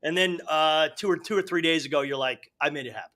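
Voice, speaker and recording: A man's voice: fairly high pitch, fast talker, bright, forceful tone. A man appearing as a guest in a studio, talking eagerly and rambling with restarts into a desk mic. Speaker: event founder guest. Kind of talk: excited talk-show chat.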